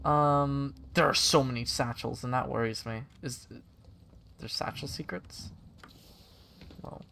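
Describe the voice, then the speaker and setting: A young man with a gravelly, fried edge to his voice, commentating his game at an unhurried pace. He is excitable and giggly, thinking out loud between bursts of delight, with faint hiss behind. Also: mid-range voice. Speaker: streamer. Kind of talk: casual gameplay commentary.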